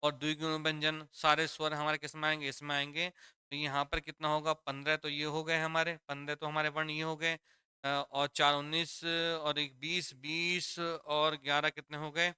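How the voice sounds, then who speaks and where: A man with a bright, crisp and smooth voice gives a classroom grammar lesson. He repeats each point and keeps asking his students questions. The sound is dry and close. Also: fairly high pitch, completely flat delivery, normal speed, no room sound. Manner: repetitive, quizzing students with questions; addresses students as children. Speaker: Hindi teacher.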